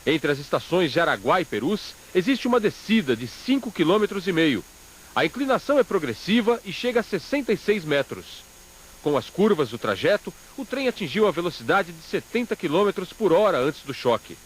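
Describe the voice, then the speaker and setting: Brazilian male reporter, scripted news delivery, high and very varied voice, slight background noise. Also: big pitch swings, a little fast.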